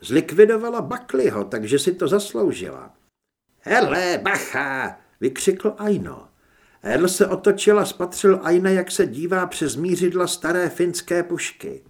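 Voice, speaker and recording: A man's voice: high-pitched, very animated, few pauses, a little mellow. A man reading an audiobook in a dramatic, varied way as the narrator. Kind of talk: scripted narration.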